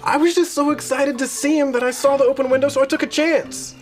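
A man's voice: extremely high pitch, fairly even intonation, quick pace, soft background music. A man playing an overexcited, sheepish young fan in a comedy sketch who talks eagerly and apologetically.

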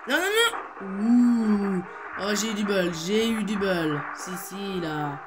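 A man's voice: sits high, animated, takes it slowly, noisy background. A teenage boy hosting a video, giving rambling, playful commentary on a game with many hesitations. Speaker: gaming video host. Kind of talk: casual gameplay commentary. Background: game music.

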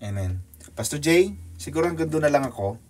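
A man with a Filipino accent preaching a sermon in an animated, teasing way that leaps up in pitch for emphasis. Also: a little fast. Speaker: pastor. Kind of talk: sermon teaching.

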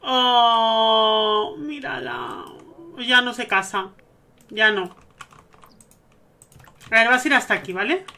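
A man with a Spain Spanish accent giving gushing, excitable let's-play commentary over a life-sim game. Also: very high-pitched, a little slow, long pauses. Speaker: gaming streamer.

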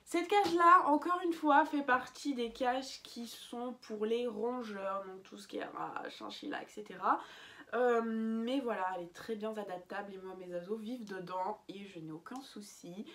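A woman's voice: fairly high pitch, moderate pace, sharp tone. A young woman giving casual, chatty advice in a vlog, full of fillers and restarts and laughing at her own slips. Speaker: bird-keeping vlogger.

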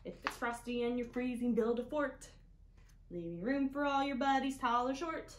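Sitting on a couch in a small room, a young librarian reads a picture book aloud to children, sometimes sing-song, encouraging them to take part. Her voice runs on the high side at a moderate pace, recorded by a camera a few feet off in an echoey space with some background noise.

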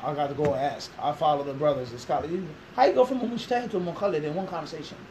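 In a small indoor classroom, an Islamic teacher from Philadelphia gives an animated interview answer, preaching hard. He talks quickly in a voice on the high side, gestures a lot, and fires back emphatic rhetorical questions. A faint room hiss runs in the background.

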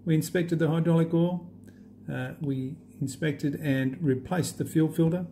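A man walking through an app demo in a relaxed, halting way with many fillers. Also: a little high, slight background noise. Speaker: app demonstrator. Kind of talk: unscripted screen demo walkthrough.

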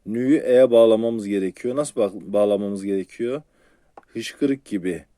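Brief: male recitation teacher, low mellow voice, patient and repetitive, drills syllables one by one, dry close sound. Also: dry recording. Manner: patient, repeats syllables slowly and asks the viewers questions. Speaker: Quran reading teacher. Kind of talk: step-by-step recitation lesson.

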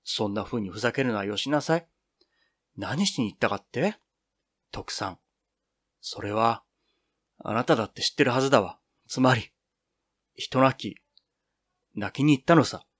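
A man's voice: medium pitch, lively intonation, breathy edge. A man reading the part of Piro, a cheerful, boyish young woman who talks firmly and confidently. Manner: brisk, scolding, confident.

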